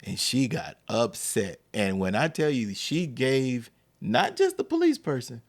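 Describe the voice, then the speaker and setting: A man's voice: mid-range voice, unhurried. A man hosting a podcast, telling a personal story and acting out the quotes. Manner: animated, acts out quotes. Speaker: podcast host.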